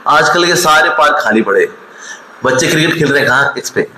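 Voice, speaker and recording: A man's voice: on the high side, expressive, a little fast, pushed and bright, slight background noise. A man in his forties giving a motivational talk, scolding and mocking, telling stories. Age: 40s. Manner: scolding, mocking, switching between storytelling and rebuke. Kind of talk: lively motivational talk with acted quotes. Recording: echoey hall, faint ambience.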